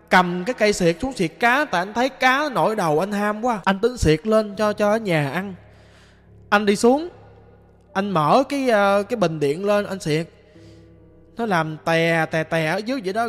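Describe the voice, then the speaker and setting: A man's voice: high voice, fairly bright tone. A man with a Southern Vietnamese accent voicing the sorrowful ghost of a young man, recounting in a plain, rambling way with many restarts. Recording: long reverb with music behind.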